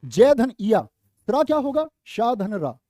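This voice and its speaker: Young male grammar teacher, high mellow voice, dry close sound, playful quizzing delivery. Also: a little slow, dry recording. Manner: lively, questions students and answers himself; playful asides and jokes. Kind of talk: exam-prep Hindi grammar lesson.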